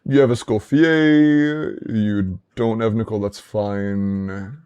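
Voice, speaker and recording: A man's voice: on the low side, fairly even intonation, slow, mellow, clean tone, dull audio. A man in his twenties, casually chatting on a livestream, playfully bantering with chat and laughing often. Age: 20s. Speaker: streamer. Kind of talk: casual livestream chat reviewing game accounts.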